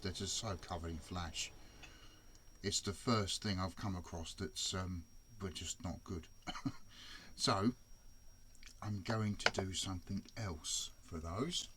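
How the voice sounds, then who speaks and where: A man's voice: low voice, slow, sharp tone, slight background noise, rough recording. A man casually talking through a model ship build, chatty and self-deprecating, muttering to himself as he works.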